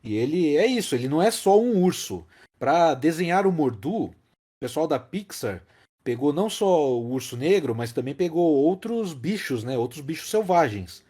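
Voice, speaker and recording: On his podcast, a Brazilian host talks about a film in a casual, emphatic style, circling back to key phrases for weight. The voice is mellow and soft-edged with a breathy edge, sing-song and moving at a moderate pace.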